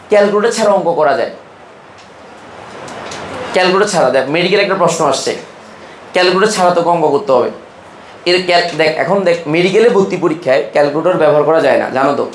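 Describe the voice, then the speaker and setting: In a slightly echoey room with a bit of background noise, a man from Bangladesh with a somewhat high voice teaches a chemistry class. He keeps firing quick questions at his students in a casual, big-brother way throughout the lecture.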